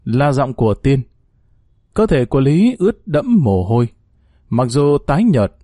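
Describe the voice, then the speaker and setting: A man's voice: medium pitch, big pitch swings, a little slow, mellow, no echo, studio quality. A man narrating a horror story in a dramatic, suspenseful way.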